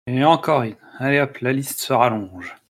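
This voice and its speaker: A man's voice: medium pitch, expressive, normal speed, a bit bright. A man hosting a casual film podcast, joking, laughing and reading out summaries. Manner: jokey, laughs often, reads summaries aloud. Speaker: podcast host.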